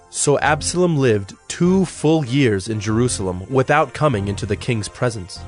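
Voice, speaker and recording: A man with a mid-range voice narrates a dramatized audio Bible, telling the story in a solemn, measured manner.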